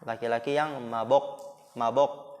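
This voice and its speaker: A slightly mellow man's voice of medium pitch, steady and measured, leads a casual Arabic grammar class. He is an Islamic school teacher who uses jokes and rhetorical questions with his students in a boarding school classroom, recorded with long hall reverb.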